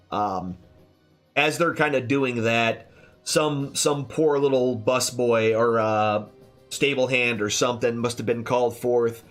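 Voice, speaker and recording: A man narrating a tabletop game as game master, with lots of ums and kindas. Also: mid-range voice. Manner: relaxed, filler-heavy narration.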